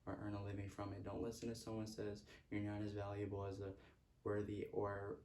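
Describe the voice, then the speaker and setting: A man's voice: on the low side, completely flat delivery, a little fast, a little mellow, far from the mic. A man giving a motivational self-help talk, repeating earnest affirmations. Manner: earnest, repetitive affirmations with stray laughs. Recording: echoey room, speaker off-mic.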